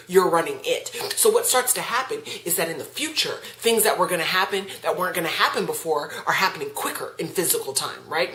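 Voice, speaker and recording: A woman's voice: lowish voice, a bit bright, echoey room, a little hiss or hum, rough recording. A woman leading a self-help class, speaking emphatically and often asking rhetorical questions. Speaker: class teacher. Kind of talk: spoken self-help lesson.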